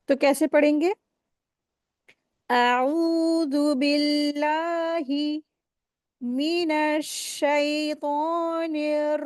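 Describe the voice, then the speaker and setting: A woman's voice: high-pitched, darkish tone, no room sound, studio quality. A woman teaching Quran recitation rules, explaining patiently step by step and drawing out example words. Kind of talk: tajweed lesson with slow drawn-out recitation examples.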